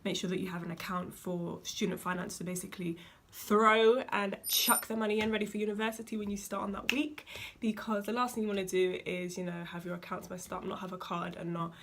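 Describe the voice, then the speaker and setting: A woman's voice: mid-range voice, little pitch movement, fairly quick, a bit bright, slight background noise. A young woman, giving chatty, emphatic money advice to her viewers with casual slang. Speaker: vlogger. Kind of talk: casual advice talk to camera.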